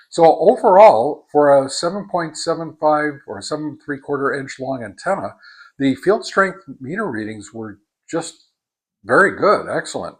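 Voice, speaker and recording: Speaking in a mid-range voice, a man reviews a product casually as a hobbyist, taking a slow, halting approach and repeating words to stress his points.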